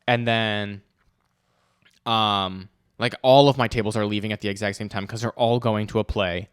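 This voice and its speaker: Animated young man telling stories, dry sound. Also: moderate pace, clear, resonant tone, no room sound. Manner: animated anecdotes, mimics customers in higher voices. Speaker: podcast co-host. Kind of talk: casual chat, storytelling.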